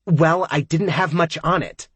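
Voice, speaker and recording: A man's voice: fairly high pitch, big pitch swings, slow pace, no room sound, voice pushed up, full character voice. Man doing a slurring drunk woman. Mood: whiny demanding. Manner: slurred, pleading, whiny yelling. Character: drunk loud young woman partying in a bar.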